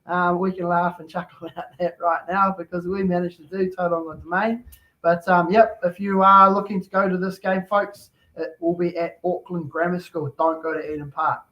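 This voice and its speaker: A man hosts a casual chat in an easygoing, matey manner. His voice sits quite high for a man. The recording sounds dull and lo-fi. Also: steady tone, moderate pace. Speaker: host.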